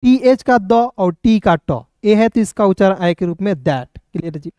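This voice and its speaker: A man's voice: high voice, animated, normal speed, darkish tone, clean tone, no echo. Patient man teaching reading, dry sound. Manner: patient and repetitive, often adding filler phrases. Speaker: English teacher. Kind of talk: recorded video lesson, spelling words out letter by letter.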